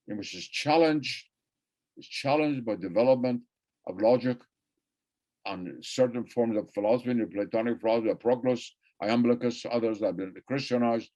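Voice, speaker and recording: An older man, Persian by first language, lectures academically in a medium-pitched, slightly mellow voice. He roams between ideas and repeats phrases for emphasis, all captured on a muffled lo-fi recording.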